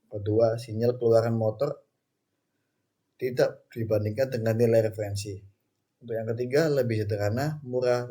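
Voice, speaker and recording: A young adult man from Indonesia, presenting as a student, reads through his class slides in short phrases, restarting a little and saying "okay, next" between them. His voice is lowish, dark-toned and husky.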